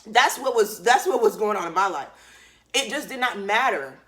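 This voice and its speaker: A young woman talks straight to her camera in a loose, candid way, dropping slang and fillers as she goes. Her voice sits at a middle pitch. She eats between thoughts. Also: lively intonation, normal speed, fairly bright tone. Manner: eating while talking. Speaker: vlogger. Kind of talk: casual chat to camera.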